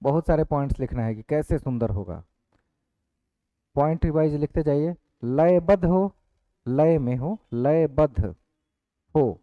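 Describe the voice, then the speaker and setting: Guy teacher doing an online class, reads out points slow and repeats them, kinda high voice, tinny phone sound. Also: no room sound. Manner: dictates points slowly, repeating each one. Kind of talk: online exam-prep class lecture. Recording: dry, phone-like lo-fi audio.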